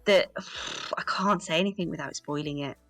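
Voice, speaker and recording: Frank low-voiced woman bantering. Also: normal speed, no echo, faint music behind. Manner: frank, swearing, teasing banter. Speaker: guest. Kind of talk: casual chat on a live stream. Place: home streaming setup.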